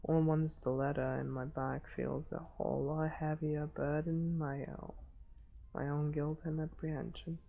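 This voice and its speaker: A gaming host with a fairly high but flat-pitched, heavily gravelly and creaky voice reads narration from a visual novel. His reading halts and stumbles at times, captured on a dull lo-fi mic with faint noise.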